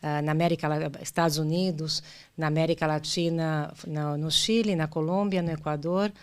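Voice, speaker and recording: A woman's voice: low voice, steady tone, normal speed, darkish tone, clear, resonant tone. A middle-aged Brazilian woman being interviewed about her career. She speaks thoughtfully, often restarting her phrases and tagging them with "né?". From Brazil, daughter of Argentine parents. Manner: thoughtful, with frequent restarts and "né?" tags. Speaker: guest, business executive. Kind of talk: conversational interview answers.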